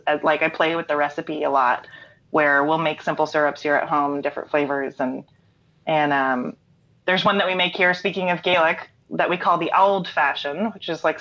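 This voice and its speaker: A middle-aged American woman with a deep, slightly bright voice talks casually as an interview guest. She is a singer-songwriter and writer, speaking from home on a remote online call, explaining things in a relaxed way. The call audio comes through dull and lo-fi.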